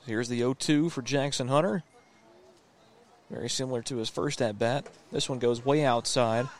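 A man's voice: medium pitch, normal speed. A man doing live sports commentary as the play-by-play announcer of a baseball game.

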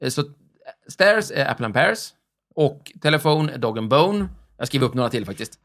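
A man with a gravelly, creaky voice hosts a casual group conversation. He explains things at length and in a joking way, often pausing with fillers. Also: mid-range voice, very animated, a bit bright.

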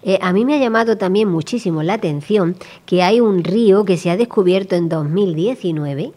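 A woman's voice: medium pitch, normal speed, dark tone. Lady cohosting local radio, chatty, jumps in to finish his lines. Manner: chatty, finishes her partner's sentences. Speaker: radio co-host. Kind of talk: casual radio chat.

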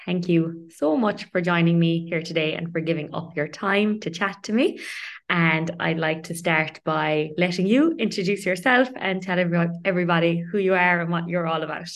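Woman, Irish accent, podcast host. Lowish pitch, conversational interview delivery. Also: moderate pace. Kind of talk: casual interview hosting.

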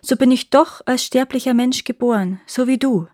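A woman's voice: sits high, normal speed, no echo, pitched above the performer's own voice. A woman voicing a young, pale male fairy knight who is stern yet lonely, speaking in a raised, commanding tone in a storybook reading. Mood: gentle. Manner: commanding, louder and raised delivery. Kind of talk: storybook character voice. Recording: dry close recording.

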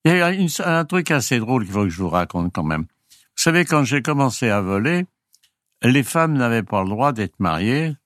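A man's voice: mid-range voice, sing-song, normal speed, fairly bright tone, no echo, clean studio sound. An older man, a retired flight crew member, casually telling anecdotes in a rambling way, often chuckling and restarting his sentences.

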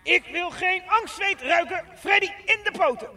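Insect drill sergeant, bossy, barked orders, very high, sharp bright tone, children's drama. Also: male voice, moderate pace, creaky, far from the mic, heavily acted. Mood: stern, commanding.

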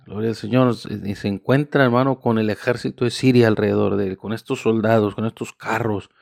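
A man preaching a sermon, fervent and punctuating his phrases with praise and calls to his listeners, slowing down to stress key words. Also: lowish voice, fairly even intonation, gravelly, darkish tone, no echo, clean studio sound. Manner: fervent, repeating "aleluya" and "hermano" between phrases.

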